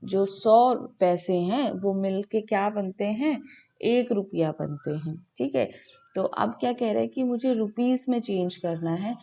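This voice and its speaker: A woman's voice: mid-range voice, a little slow, mellow. A woman teaching maths in an online video call class, checking in with "okay" after nearly every step and answering her own questions. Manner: repeats "ठीक है" often, mixes Hindi and English, asks and answers her own questions.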